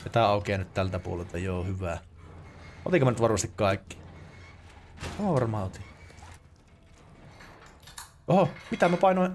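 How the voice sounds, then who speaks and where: A man from Finland giving casual let's play commentary, excitable and swearing, with yelps and laughs at the game. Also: lowish voice, pauses often, slight background noise.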